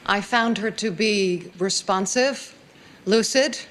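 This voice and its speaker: An actress playing a reserved, precise doctor testifying in a TV courtroom drama. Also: female voice, mid-range voice, takes it slowly, a bit bright. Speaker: doctor, expert witness. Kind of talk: television courtroom drama acting.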